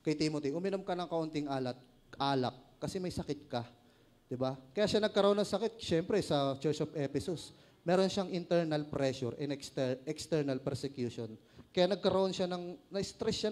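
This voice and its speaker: A man's voice: a little high, darkish tone. A man with a Filipino accent preaching a sermon, joking, laughing at his own stories and asking the congregation questions.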